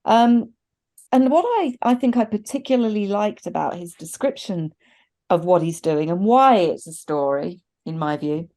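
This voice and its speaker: Speaking at an unhurried pace in a medium-pitched, mellow, animated voice, a middle-aged woman co-hosts a film review podcast. She talks casually, thoughtfully, and with hedges on a video call from an indoor desk with a virtual background.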